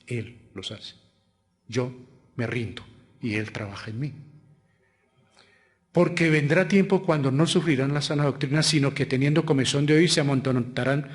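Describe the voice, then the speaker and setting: With a mid-range voice, a male pastor with a Colombian Spanish accent preaches, asking rhetorical questions. He swings between loud, emphatic lines and quiet asides.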